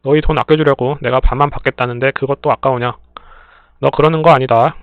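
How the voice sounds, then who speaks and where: A man's voice: medium pitch, steady tone, a little fast, smooth, no echo, close to an everyday voice. A man voicing a scolding middle-aged mother-in-law in a read-aloud story, reproachful and nagging. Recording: tinny phone-like dry sound.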